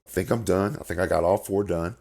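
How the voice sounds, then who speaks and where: A deep, darkish voice that comes out fairly quick, crackly and gravelly, belongs to a middle-aged gaming video host. Indoors in a room at home, he rambles casually through the game, repeats words, and swears whenever he's annoyed.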